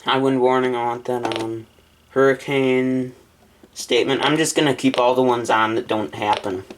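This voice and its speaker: The clip has a man chatting through the setup of a weather radio as an unboxing vlogger, reading menu entries aloud and then choosing. He talks at normal speed in a mid-range voice with fairly even intonation, and the low-quality recording has slight background noise.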